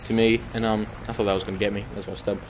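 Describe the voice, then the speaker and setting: A man's voice: fairly low pitch, little pitch movement, very fast, slight background noise. A young man giving casual, rambling commentary over his own gameplay, full of fillers. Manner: rambling, filler-heavy, chatty.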